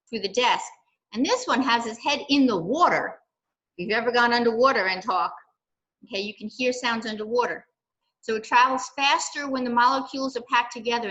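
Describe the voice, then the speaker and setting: An older woman with a bright, fairly high voice, leading a children's science lesson. She explains each step gently and checks in with "okay" and "right." She also reads aloud from a storybook. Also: poor audio. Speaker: library science program leader.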